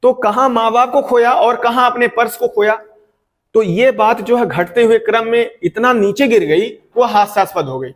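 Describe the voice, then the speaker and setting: A man teaching an exam-prep lecture, reading each question slowly and then explaining it again and again. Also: very high-pitched. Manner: reads questions aloud slowly, then explains at length with many repetitions.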